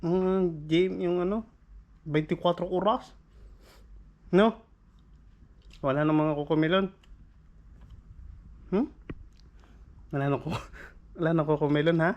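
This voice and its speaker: A man's voice: on the high side, unhurried, long pauses, highs cut off. A father, chatting in playful baby talk with his toddler at home late at night, coaxing and teasing and repeating the same questions. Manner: coaxing and teasing, asks the same question again and again with soft laughs. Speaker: father and vlogger.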